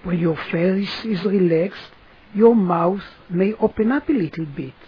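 A person guiding a relaxation session in a soothing manner, giving gentle instructions with long pauses. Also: medium pitch, expressive, husky, dull audio. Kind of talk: guided relaxation narration.

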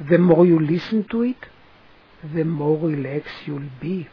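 A person guiding a relaxation session in a soothing manner, giving gentle instructions with long pauses. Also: mid-range voice, lo-fi sound, a little hiss or hum. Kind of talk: guided relaxation narration.

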